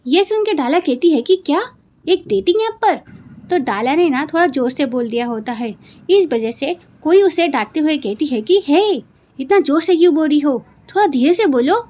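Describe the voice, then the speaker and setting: A woman's voice: high voice, a little mellow. A woman narrating a drama recap in a chatty storytelling way, retelling each line of dialogue and adding her own asides to viewers.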